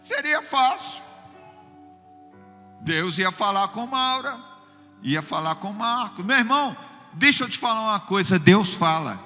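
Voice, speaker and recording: A man's voice: high-pitched, unhurried, long pauses, long reverb tail, faint music behind. A man preaching a sermon with a Brazilian accent. As a pastor he tells humorous stories and keeps turning to the congregation as brother. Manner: lively, humorous storytelling, often addressing listeners as brother.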